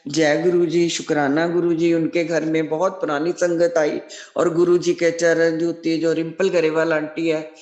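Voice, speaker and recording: A woman's voice: low-pitched, flat delivery, unhurried, darkish tone. A middle-aged woman sharing a devotional testimony, earnest and devout, often repeating blessings. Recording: roomy echo.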